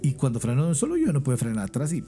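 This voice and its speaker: Male podcast guest, animated storyteller with a mellow, lively voice. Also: mid-range voice, racing, soft background music. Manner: animated, laughs while telling stories. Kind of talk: casual storytelling.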